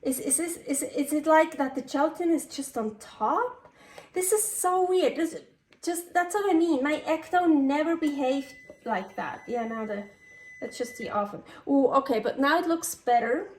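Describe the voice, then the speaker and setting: High-pitched with a darkish tone, her voice moves at a normal speed. This Swiss cooking vlogger, whose Californian English carries a Swiss accent, chats loosely while cooking in her home kitchen, making fun of herself and exclaiming at each mishap. Faint noise and a roomy sound come from the distant microphone.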